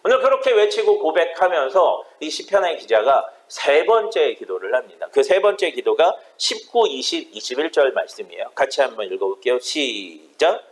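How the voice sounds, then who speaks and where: A man's voice: a little high, very animated, moderate pace, hardly any pauses, low-quality recording. A man preaching a sermon as pastor, impassioned and building to fervent pleading.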